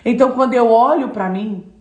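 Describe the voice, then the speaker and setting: A woman's voice: on the high side, normal speed, echoey room. A woman giving a devotional sermon-lesson, speaking emphatically in repeated phrases and addressing the listener directly. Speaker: devotional teacher.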